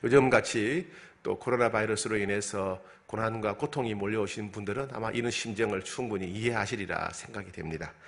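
A man preaching a sermon as a pastor, earnest and pleading, reading scripture slowly and deliberately. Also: fairly low pitch, creaky, fairly bright tone. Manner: earnest, pleading, rises and falls with emphasis.

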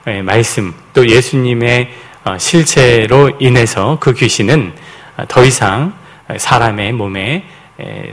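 Pastor telling a testimony. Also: male voice, medium pitch. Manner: storytelling with frequent filler "uh" and hesitations. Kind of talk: sermon testimony.

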